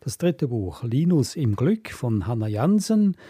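Man, host, brisk and orderly, dark husky voice, dry close sound. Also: mid-range voice, very animated, no room sound. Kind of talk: radio-style interview.

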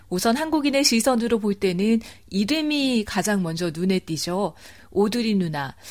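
A woman's voice: mid-range voice, a little mellow. A woman hosting a program, reading scripted introductions and narration in a presenter's style. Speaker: program host.

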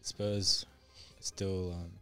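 A man's voice: sits low, little pitch movement, extremely slow, fairly bright tone, clean tone, faint music behind. A man on a casual basketball podcast, giving hesitant analysis full of fillers. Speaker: podcast co-host.

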